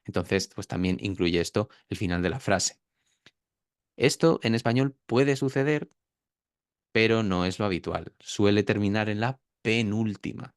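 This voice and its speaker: A man's voice: lowish voice, steady tone, normal speed, hardly any pauses, clear, resonant tone, dry recording, studio quality. Man explaining pronunciation. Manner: demonstrates sounds by drawing out words. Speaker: pronunciation teacher, interview guest. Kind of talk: explanatory interview talk.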